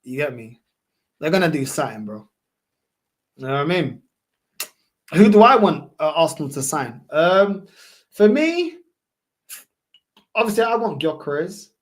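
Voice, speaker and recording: A man's voice: fairly high pitch, lively intonation, moderate pace, pauses often. A man with a London roadman accent chatting casually as a football livestream host, slangy and repetitive with emphatic phrasing. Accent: London roadman, multicultural London English. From London, England. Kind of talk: casual livestream chat, answering viewer comments.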